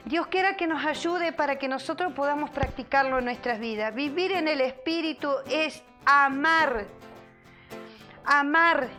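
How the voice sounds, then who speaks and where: High-voiced woman pastor preaching. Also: fairly bright tone. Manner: earnest preaching with repetitions and pauses. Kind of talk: sermon.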